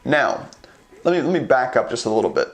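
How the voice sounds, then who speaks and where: Guy talking to camera about parenting, earnest, lots of ums and "right?", normal pitch. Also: sing-song, a little fast, gravelly. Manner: earnest, conversational, frequent ums and rhetorical "right?". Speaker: unschooling advocate vlogger. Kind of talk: casual advice talk to camera.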